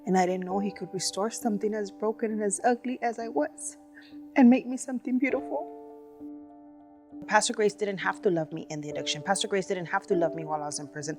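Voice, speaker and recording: A woman telling her personal faith testimony in an earnest storytelling way. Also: medium pitch. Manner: earnest storytelling, frequent "you know". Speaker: testimony speaker.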